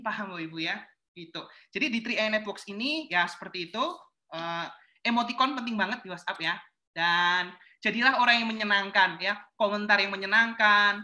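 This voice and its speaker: A man giving a communication seminar, talking straight to his audience in a lively way and acting out small examples. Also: sits high. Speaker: communication trainer.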